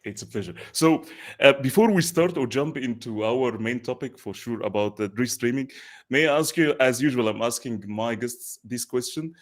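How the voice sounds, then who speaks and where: Male host, online interview show, effusive, halting, lots of fillers. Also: medium pitch.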